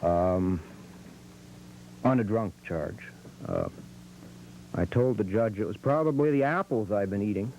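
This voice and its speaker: A man playing a down-and-out middle-aged drunk who rambles slowly about his troubles. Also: lowish voice, expressive, creaky, darkish tone, a little hiss or hum, poor audio. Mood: rambling. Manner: slow, rambling, self-pitying.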